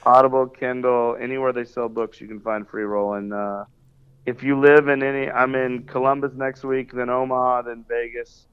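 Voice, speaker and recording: A man's voice: medium pitch, little pitch movement, normal speed, clean tone, narrow, tinny audio. A man, a comedian guest, chatting casually in an interview about his shows.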